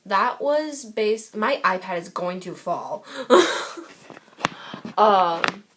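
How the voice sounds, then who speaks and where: A woman's voice: mid-range voice, animated, takes it slowly, fairly bright tone. A teenage girl telling a storytime vlog in a rambling, gushing way, with lots of fillers and restarts, recorded on a tablet. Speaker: vlogger. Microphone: tablet camera.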